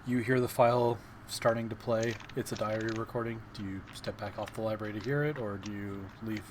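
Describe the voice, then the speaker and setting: A man with a fairly low voice runs a tabletop game as game master. He narrates scenes casually, with a little noise in the recording. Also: steady tone, a little fast.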